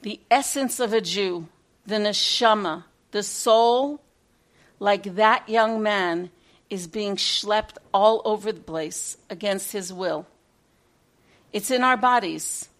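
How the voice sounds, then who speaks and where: A woman teaching through a dramatic story, her voice swinging between loud bursts and hushed passages. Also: medium pitch, slow.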